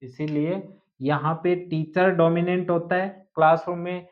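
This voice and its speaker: A man's voice: fairly high pitch, steady tone, unhurried. A male teacher giving an explanatory exam-prep lecture, often asking rhetorical questions. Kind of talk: exam-prep lecture mixing Hindi and English. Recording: tinny phone-like sound.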